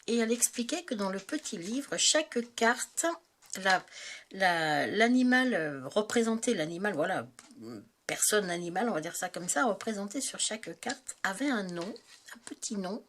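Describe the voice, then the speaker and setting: A woman's voice: medium pitch, expressive, normal speed, fairly bright tone. Chatty, hesitant woman host, faint hiss. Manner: chatty, hesitant, searching aloud with many restarts. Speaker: tarot video host. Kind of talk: casual spoken deck review.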